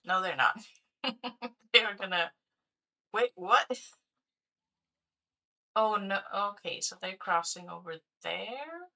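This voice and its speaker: Woman, young adult, game streamer, casual chat with viewers, slow, bright voice, cracking. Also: medium pitch, animated, creaky. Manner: chatty, talks to viewers while building. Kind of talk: casual live-stream chat while playing.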